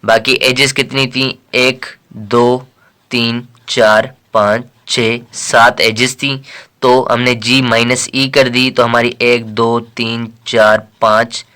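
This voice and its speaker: A man's voice: medium pitch, level tone, slow, bright, forceful tone, clear, resonant tone. A man from Pakistan teaching a math lesson in a casual lecture style, counting aloud and reading questions before explaining them.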